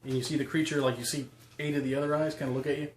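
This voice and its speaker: Rambling male game master, quick delivery, fairly high voice, echoey noisy recording. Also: flat delivery. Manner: rambling, quick, full of fillers. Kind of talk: narrating a tabletop game session. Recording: echoey room, noisy, casual mic.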